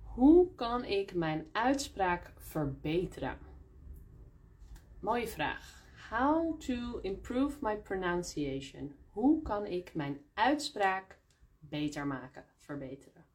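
A woman teaching Dutch in a live-streamed question-and-answer lesson, explaining slowly and repeating words in Dutch and English. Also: medium pitch, sing-song, darkish tone. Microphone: phone.

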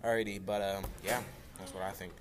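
A man's voice: low-pitched, little pitch movement, brisk, over music. A man chatting casually about food, rambling and playful, repeating words, sounding a bit stuffy.

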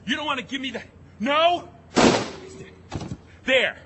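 A man's voice: very high-pitched, expressive, slow, very noisy, full character voice. An actor playing a callous, childish male robber with a whiny, hot-tempered manner. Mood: angry, petulant.

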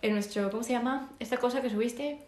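A young woman telling stories in a casual, slangy, animated way as podcast co-host. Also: fairly high pitch, fast. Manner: animated, slangy, acts out quotes. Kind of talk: casual storytelling chat. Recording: echoey room.

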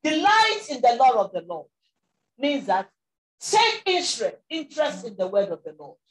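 A woman pastor preaching a sermon with emphatic swings between loud declarations and softer asides. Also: a little high, huge pitch swings, moderate pace, echoey room, poor audio.

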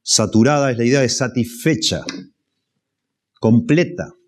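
A man preaching an expository sermon, measured and repeating key phrases for emphasis. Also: mid-range voice. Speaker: pastor.

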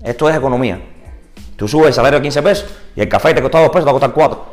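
A man's voice: rapid-fire, soft background music. A man giving a real estate business class to agents, mixing in English words and asking the audience rhetorical questions. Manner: animated, rises high and loud for emphasis, then drops low and quiet; mixes English words into Spanish. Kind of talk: live seminar talk to agents.

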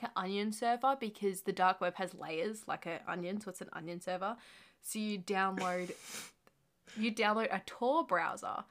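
Bright-voiced young woman chatting. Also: mid-range voice. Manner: chatty and explanatory, lots of "like". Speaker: podcast co-host. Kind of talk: casual chat.

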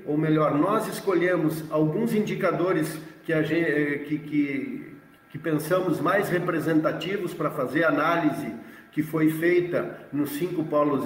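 A Brazilian man giving an explanatory presentation, haltingly, repeating words as he searches for phrasing. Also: fairly high pitch. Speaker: agricultural extension worker, interviewee. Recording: roomy, echoey, distant from the mic.

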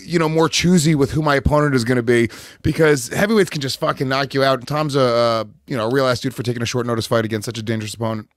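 A man co-hosting a podcast, talking quickly and bluntly with jokes, also reading an ad. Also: medium pitch, no room sound. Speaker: podcast co-host. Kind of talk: casual podcast chat and ad read.

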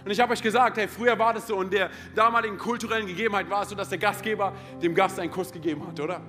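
A man preaching a passionate sermon as pastor, peppering his talk with "hey" and moving from loud calls to hushed, intense passages. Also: sits high, fairly even intonation, racing, over music. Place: large church hall with music behind. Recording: live church hall with long reverb.

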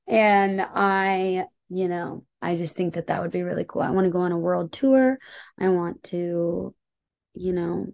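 Gravelly, low-pitched American woman. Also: warm tone. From United States. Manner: earnest, reflective, heavy use of "like" and "you know". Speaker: interview guest, singer-songwriter. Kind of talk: casual conversational interview.

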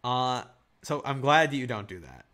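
Animated man in casual chat. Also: mid-range voice, moderate pace. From Michigan. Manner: animated, reads aloud and jokes. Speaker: podcast co-host.

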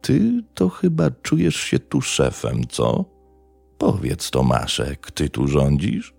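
Male narrator as drunk young bully, swaggering, crude, deep and rough. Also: huge pitch swings, slow pace, darkish tone, no room sound, soft background music, exaggerated voice. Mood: taunting. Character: drunk menacing young male local thug.

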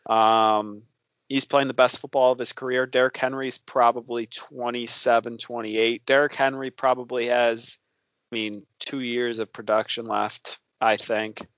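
Casting: male sports co-host, mid-pitched, easygoing and self-mocking, talking over a dull, dry lo-fi line. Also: level tone, a little slow, fairly bright tone, no echo. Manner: loose and self-deprecating, many ums. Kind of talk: casual sports chat.

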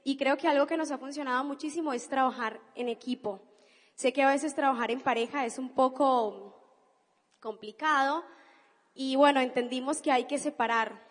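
A Colombian woman from Cali giving an enthusiastic, emphatic motivational business talk to an audience. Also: high voice. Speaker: business speaker. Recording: reverberant hall.

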